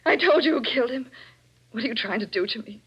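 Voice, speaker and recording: Shaken and pleading, an actress portrays a proud, frightened married woman in an old radio thriller with refined, theatrical diction. Her fairly high voice is expressive, slightly rough, and quick. The old recording sounds muffled and noisy.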